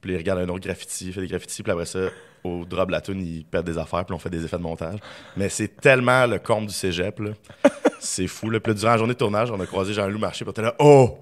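Fast-talking low-voiced Quebec French man. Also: fairly even intonation, a bit bright. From Quebec, Canada. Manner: rambling anecdotes full of fillers. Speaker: podcast guest, film director. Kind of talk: casual chat.

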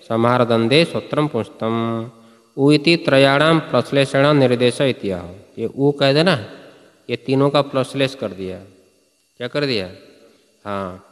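In a classroom lecture given in Hindi, a male teacher with a mid-range voice covers Sanskrit grammar, reciting sutras and then explaining them plainly. He frequently stops to check whether his students follow, and a long reverb makes it sound like a large hall.

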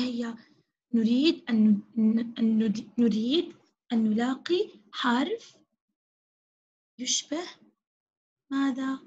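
A woman with a high, slightly mellow, husky voice teaches young children phonics online, drawing out every sound syllable by syllable and praising them often. She's a kindergarten teacher, heard over a video call with dull, lo-fi audio.

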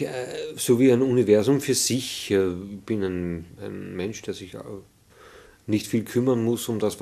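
A man's voice: lowish voice, creaky, a little mellow. A middle-aged man talking in a behind-the-scenes interview, thoughtful and hesitant, with many fillers. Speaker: actor in an interview. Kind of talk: making-of interview. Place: dressing room with mirror lights.

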